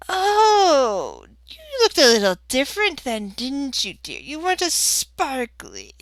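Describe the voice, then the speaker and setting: A woman's voice: sits high, huge pitch swings, slow pace, dry recording, voice pushed up, full character voice. A woman doing a sweet old elf lady. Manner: sugary, gentle. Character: sweet old half-elven woman clerk.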